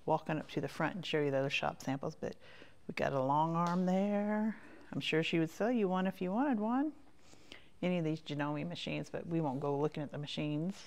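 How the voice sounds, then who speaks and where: A low, slightly mellow female voice moves briskly through a casual, rambling commentary as she walks around inside a quilt shop, tossing out short folksy remarks that trail off.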